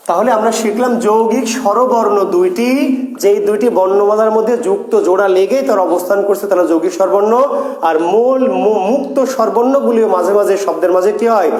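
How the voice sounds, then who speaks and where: A man's voice: high-pitched, darkish tone. A man teaching a grammar lesson to exam students. He drills sounds over and over and asks questions that he then answers himself. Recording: echoey room.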